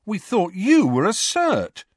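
A man's voice: mid-range voice, very animated, moderate pace, no room sound, studio quality. A man voicing a cheeky, teasing teenage boy twin in an audiobook, talking in a mocking, chatty way. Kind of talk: audiobook character voice.

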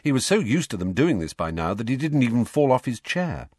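A man narrating an audiobook in a lively, animated storytelling manner. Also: medium pitch, brisk, no room sound, clean studio sound. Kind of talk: scripted narration.

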